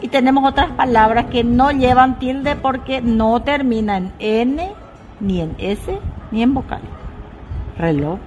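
A woman teaching a lesson, measured and repeating key points, dropping her voice on examples. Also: high-pitched, a little mellow, soft background music. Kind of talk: slow classroom explanation.

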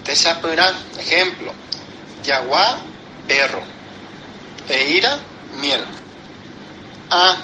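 A man explains a grammar lesson slowly and deliberately, one step at a time. His voice is very bright and sits a little high for a man. Faint vehicle noise hums in the background. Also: poor audio. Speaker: teacher.

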